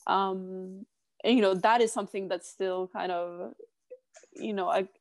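A young Swedish-speaking chef, appearing as an interview guest, chats casually but hesitantly, leaning on fillers, especially "you know." Her medium-pitched voice is steady, unhurried, and a little mellow.

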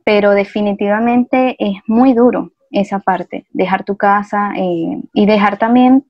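A woman, an interview guest, telling her story in a reflective, measured way. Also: medium pitch, fairly even intonation, dry recording. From Venezuela. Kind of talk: conversational interview. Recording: dry, dull lo-fi sound.

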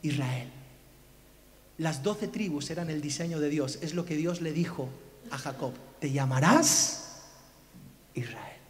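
A man's voice: sits high, a little mellow. A male pastor preaching a sermon, emphatic, asking the congregation rhetorical questions. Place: church hall. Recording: echoey church hall.

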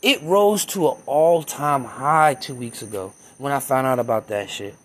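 A man's voice: medium pitch, normal speed. A young man talking in a heated, profane, rambling rant as a self-described conspiracy theorist. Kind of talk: casual rant.

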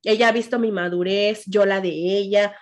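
A middle-aged woman with a Mexican accent, hosting a podcast and chatting casually in an animated way, with lots of fillers and quoted asides. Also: mid-range voice, normal speed. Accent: Mexican Spanish. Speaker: podcast host. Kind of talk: casual chat.

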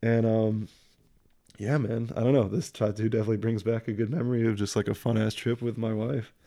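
A man's voice: on the low side, steady tone, fairly quick, vocal fry, warm tone, dry recording, clean studio sound. A young man telling stories in a casual chat, rambling and slangy, packing every sentence with fillers and swearing. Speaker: guest telling tattoo stories.

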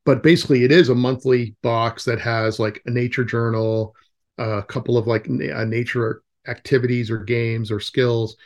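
Man guest, outdoor educator; lively and chatty, breaks into voices for kids and parents. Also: mid-range voice, normal speed. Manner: animated, acts out quoted voices of kids and parents. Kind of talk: casual podcast conversation.

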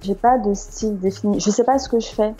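Mellow-voiced woman singer chatting. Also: mid-range voice, steady tone, dull audio, faint music behind. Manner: easygoing, quick agreeing interjections. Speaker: singer, guest. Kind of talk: casual interview chat.

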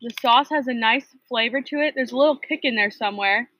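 Bright young woman podcast guest. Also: a little high, brisk, no room sound, lo-fi sound. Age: young adult. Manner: friendly, gives detailed appraisals. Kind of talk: casual chat.

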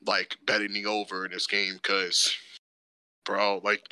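Man, podcast co-host, laid-back sports chat, very bright, smooth voice. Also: fairly low pitch, completely flat delivery, unhurried, no echo. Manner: laid-back, says "dude" and "bro" a lot.

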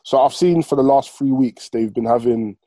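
A man's voice: mid-range voice, normal speed, mellow, no echo. A man with a London roadman accent chatting casually as a podcast co-host, emphatic and slangy, repeating his points. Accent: London, urban roadman slang. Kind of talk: casual chat.

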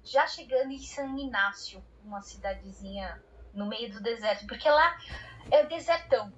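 Woman telling a travel story in an interview, high voice, lively and all over the place, kinda muffled audio. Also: moderate pace, a little hiss or hum. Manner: animated, many restarts, acts out her own past words. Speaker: guest, solo cycle traveler.

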